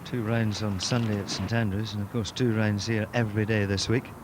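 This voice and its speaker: A male golf commentator with a fairly low voice describes play in short, measured phrases and leaves pauses between them. Clear outdoor noise from the course sits behind his voice. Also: flat delivery.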